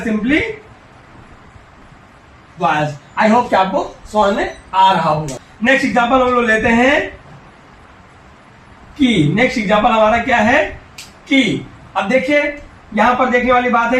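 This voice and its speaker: Guy teacher with a high voice, keeps asking and answering his own questions, kinda far from the mic. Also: expressive, a little slow, pauses often, a bit bright. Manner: coaxing and encouraging, addresses children directly. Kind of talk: classroom-style English grammar lesson. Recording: echoey room, voice from a distance.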